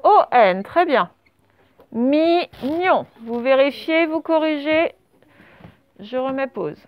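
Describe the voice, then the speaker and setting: High-voiced woman teacher, slow and patient. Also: expressive. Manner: patient, spells words letter by letter, pauses often. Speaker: primary school teacher. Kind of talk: classroom dictation correction. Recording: dull lo-fi sound.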